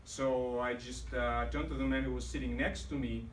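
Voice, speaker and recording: A man's voice: mid-range voice, level tone, moderate pace, slight background noise. Man telling a story in an echoey hall. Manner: hesitant, many fillers. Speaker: club speaker. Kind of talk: storytelling speech. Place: meeting room. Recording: roomy hall, mic far off.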